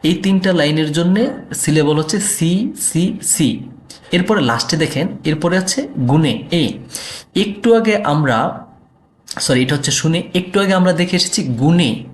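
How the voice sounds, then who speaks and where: A man's voice: a little high, expressive, a little slow. Methodical man teaching in an echoey room. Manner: methodical, repeats steps, frequent fillers and self-corrections. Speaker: exam prep teacher. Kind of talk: explanatory lecture.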